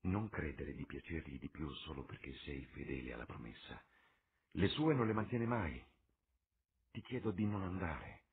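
A man's voice: very deep voice, animated, moderate pace. A man voicing an earnest, melancholy male painter for an audiobook, speaking in a subdued, pleading way. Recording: tinny lo-fi with faint hiss.

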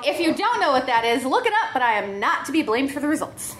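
This comedy troupe member reads a comic story aloud, giggly and prone to cracking up along the way. Her high-pitched voice swings widely in pitch and moves fast, with background noise behind it.

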